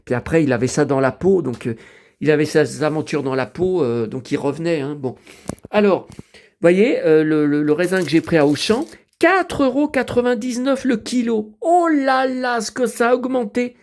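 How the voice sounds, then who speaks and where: A man's voice: sits high, a little mellow. Rambling chatty man on his balcony. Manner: rambling, chatty, keeps asking the viewers "you see?". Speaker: YouTuber. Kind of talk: casual vlog chat to viewers. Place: outdoors on a kitchen balcony facing a forest.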